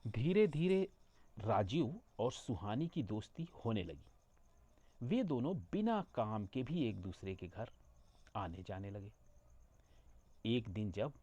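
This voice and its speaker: Slow, lively male storyteller. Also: on the low side, lo-fi sound. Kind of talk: scripted narration.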